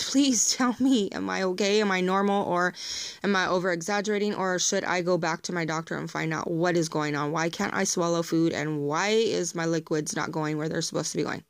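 A woman with a slightly raspy voice talks casually and warmly to her viewers, rambling a little as she goes. Her pitch sits at an ordinary middle level for a woman. The recording is dry and close, with almost no room sound. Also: no room sound. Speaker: haul vlogger. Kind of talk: casual chatty haul video.

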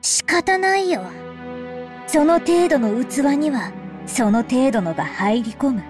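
A woman's voice: high voice, expressive, moderate pace, music in the background. An eerie little girl. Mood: hollow.

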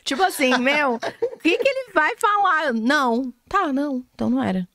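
A woman's voice: sits high, animated, normal speed, fairly bright tone, no echo, studio quality. A young woman, a podcast guest in casual chat, talking playfully and acting out bits of dialogue. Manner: chatty, playful, acts out little quoted dialogues.

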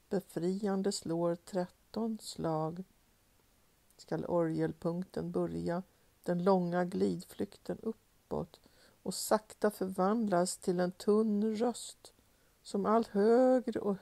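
A woman reading poetry aloud in a measured, rhythmic recitation with repeated refrains. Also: lowish voice, creaky, mellow, no echo. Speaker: poetry reader.

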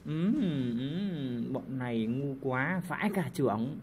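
A man doing lively, teasing commentary over his own gameplay, with mouth sound effects and sudden shouts. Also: medium pitch, slow pace, slight background noise. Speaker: gaming YouTuber. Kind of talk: live game commentary.

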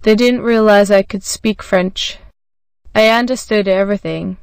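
Smooth, dry-voiced woman narrator. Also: mid-range voice, no echo. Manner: even, measured reading that voices every symbol literally. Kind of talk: scripted narration of a graded reader.

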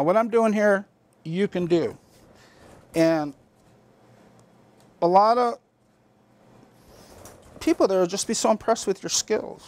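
A man's voice: high-pitched, a little mellow. Folksy, chatty man hosting a cooking demo. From Massachusetts, US. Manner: folksy, chatty, talks straight to the viewers. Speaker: cooking show host. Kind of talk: homey cooking demonstration. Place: basement kitchen of a town hall.

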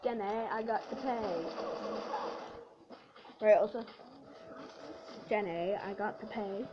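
A woman's voice: mid-range voice, slow pace. A woman in casual, boastful banter while playing a video game. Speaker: gamer. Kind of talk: casual chat while gaming. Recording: lo-fi with faint noise.

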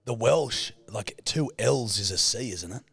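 A young man with an Australian accent in casual podcast banter, teasing, laddish and quick to swear. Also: lowish voice, expressive, creaky, a bit bright, breathy edge. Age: young adult. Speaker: podcast co-host. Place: indoor podcast set on couches. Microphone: close boom-arm podcast microphone.

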